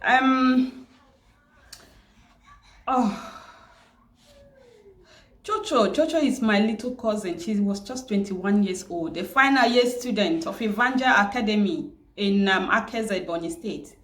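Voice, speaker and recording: A woman with a Nigerian accent speaks in a grieving, tearful voice, halting and repeating words as she tells her story. Her pitch sits in a middle range. The room around her is roomy and echoey. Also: fairly bright tone. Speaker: vlogger. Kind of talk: personal storytelling. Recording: roomy echo.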